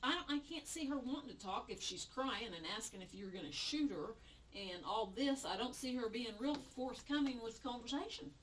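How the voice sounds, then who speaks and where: A woman's voice: a little high, animated, normal speed, a bit bright. A woman detective questioning a suspect bluntly and skeptically. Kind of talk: police interrogation questions. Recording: distant mic with clear hiss.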